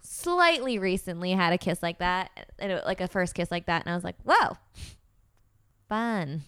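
A young woman co-hosting a casual chat podcast, chatty and quick to laugh, acting out her own reactions. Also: fairly low pitch, very animated, a bit bright, smooth, no room sound. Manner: chatty, laughs often, quotes herself in mock reactions. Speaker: podcast co-host.

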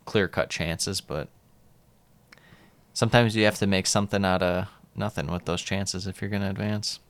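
Low, smooth-voiced man chatting soccer. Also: fairly even intonation, moderate pace. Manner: conversational, asks co-host for opinions. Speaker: sports podcast host. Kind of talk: casual soccer match chat.

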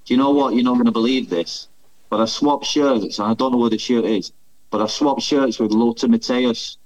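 A man's voice: medium pitch, fairly quick, darkish tone. Chatty ex-footballer man, dull lo-fi sound. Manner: chatty, laughs easily, thinks aloud. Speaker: guest, former footballer. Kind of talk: casual chat.

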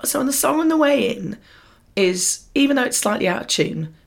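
A woman's voice: fairly high pitch, lively intonation, fairly quick, creaky. A woman co-hosting a podcast, riffing and bantering through a casual comedic recap. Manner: jokey, banters and riffs with co-host. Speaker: podcast co-host.

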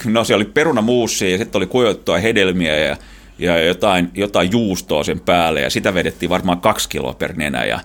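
A middle-aged Finnish man telling adventure stories in an interview, animated and laughing often, with many restarts. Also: low voice. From Finland. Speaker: guest, explorer. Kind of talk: casual storytelling.

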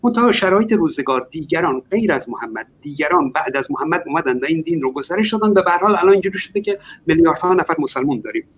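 A man arguing his side in an online debate, speaking in a measured way and pausing often with filler sounds. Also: fairly high pitch, lively intonation, dull audio, a little hiss or hum. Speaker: debater arguing against religion.

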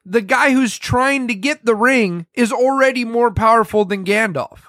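A man's voice: extremely high pitch, moderate pace, dry recording, studio quality. A man co-hosting a podcast, chatting casually with hesitant restarts. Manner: lively, hesitant, trailing off and restarting. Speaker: podcast co-host.

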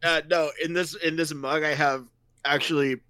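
A man's voice: fairly high pitch, fairly even intonation, normal speed, bright, forceful tone, clean tone, dry recording. A man as a guest on a casual podcast, laughing a lot and swearing through mock-insulting banter. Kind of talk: casual joking chat.

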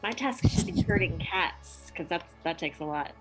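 A woman's voice: lowish voice, lively intonation, moderate pace, faint music behind. A woman chatting casually as a player in a tabletop game.

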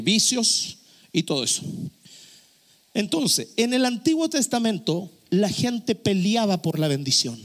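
A male pastor in full sermon mode with a high voice. He hammers on key phrases by repeating them and lifts into shouts as he drives a point home.

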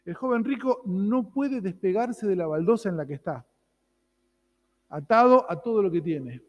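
A man's voice: high-pitched, lively intonation, moderate pace, darkish tone, in a large hall, lo-fi sound. A man with a Rioplatense Spanish accent preaching a sermon as pastor, in a conversational way that keeps asking his listeners for agreement. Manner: conversational, asks the congregation "¿no?".

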